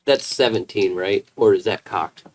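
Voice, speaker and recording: A man's voice: on the low side, normal speed, noisy background. A man playing in a tabletop game who chats casually and often stammers, repeating words as he talks. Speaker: player.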